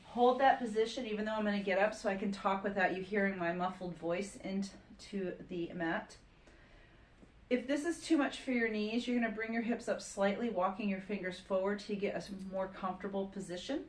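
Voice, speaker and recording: A woman yoga instructor talking a class through stretches in a calm, steady voice. Her pitch sits in the middle range. The sound bounces around a roomy, echoey space. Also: moderate pace. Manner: calm, steady cueing of breath and poses.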